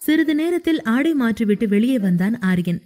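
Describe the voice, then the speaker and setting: A woman reading a romance story aloud in steady scripted narration. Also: fairly high pitch, normal speed.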